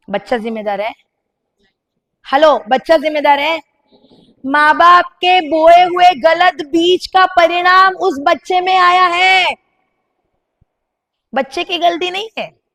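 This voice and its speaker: A woman preacher giving a fervent sermon to a congregation, urging them with shouted commands. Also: high voice.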